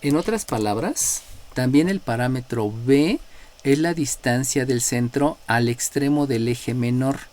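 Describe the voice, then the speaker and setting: A man with a Mexican accent teaches a live math class at a middle pitch. He explains step by step, checks in often with his students and calls on them by number. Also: measured pace, darkish tone. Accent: Mexican Spanish.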